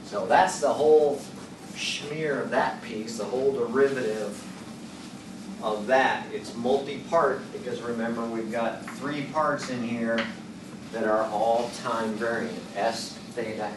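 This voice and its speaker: An older man in his sixties lectures at a chalkboard, thinking out loud as he works through each step. He hesitates and corrects himself in a mid-pitched voice. He is picked up from a distance in an echoey classroom with clear background noise. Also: fairly even intonation, unhurried. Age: 60s. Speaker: engineering lecturer.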